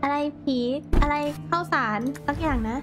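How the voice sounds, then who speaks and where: A woman's voice: sits high, normal speed, over music. A woman streamer chatting casually and rambling to her viewers while she plays a game. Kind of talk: casual gameplay commentary.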